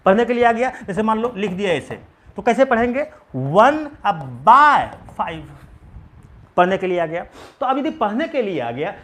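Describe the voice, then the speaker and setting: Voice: medium pitch, lively intonation, quick pace. A maths teacher giving an exam-prep lesson, repeating key points with emphasis and answering their own questions. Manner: asks the class questions and answers them.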